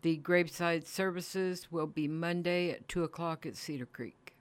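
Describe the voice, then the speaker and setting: A woman co-host giving community announcements in a plain, measured read-out, item by item. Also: lowish voice, steady tone.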